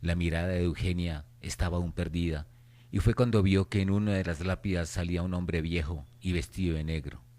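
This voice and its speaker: Low-voiced man narrating radio horror. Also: steady tone, fairly quick, dark tone.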